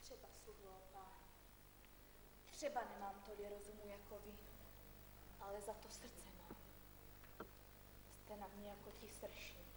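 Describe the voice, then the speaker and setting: A woman's voice: on the high side, close to an everyday voice. A young woman acting a stubborn, desperate village girl pushed toward marriage, pleading and declaiming on stage. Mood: defiant. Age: young adult. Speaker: stage actor. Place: theatre stage. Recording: echoey theatre hall, distant mic, faint noise.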